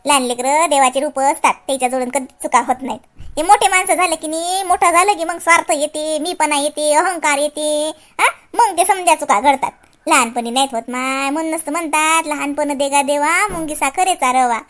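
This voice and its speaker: A woman's voice: high voice, a little fast, fairly bright tone. A woman playing a chatty, self-pitying old village grandmother, rambling, preaching and complaining in sing-song exclamations. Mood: doting. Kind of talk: comic sketch acting.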